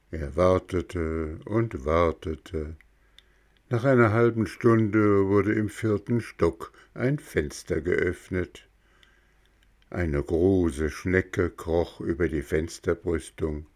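A man reading a children's storybook aloud in a calm, measured way. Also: deep voice. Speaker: narrator.

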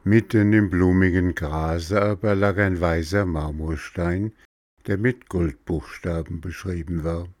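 A man narrating a children's fairy tale as an audiobook, measured and expressive. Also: low voice, no echo. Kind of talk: storybook audiobook reading.

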